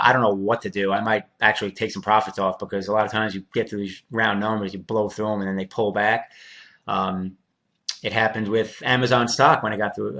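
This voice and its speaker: A man's voice: medium pitch, a bit bright. Man, mid-range voice, casual, slangy, filler-heavy chart commentary. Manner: laid-back, slangy, loose with fillers. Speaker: crypto trader host.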